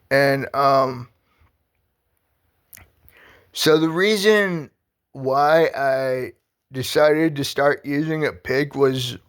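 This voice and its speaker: A man talking casually on his own vlog, halting and rambling with many restarts, earnest and heartfelt. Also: medium pitch, clear, resonant tone. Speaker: vlogger. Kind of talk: casual personal vlog talk.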